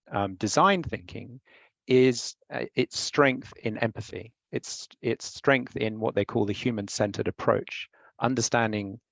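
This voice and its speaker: Gravelly-voiced man explaining, dry and muffled. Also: fairly low pitch, no room sound. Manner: measured, explanatory. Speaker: company head explaining a training method. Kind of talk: panel discussion. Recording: dry, dull lo-fi sound.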